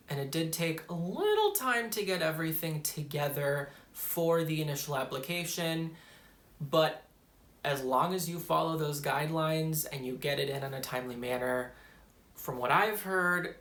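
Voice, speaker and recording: A young man vlogs casually to the camera, rambling and self-deprecating about his studies. His voice is fairly high and fairly bright, and the room is echoey.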